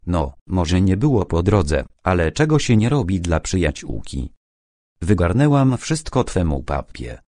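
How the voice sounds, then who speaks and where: A man's voice: low-pitched, big pitch swings, measured pace, dark tone, no echo, clean studio sound, exaggerated voice. A man reading the part of a bossy, chatty young woman who talks insistently, in a plain storybook voice. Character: bossy, lively young woman, a busy friend.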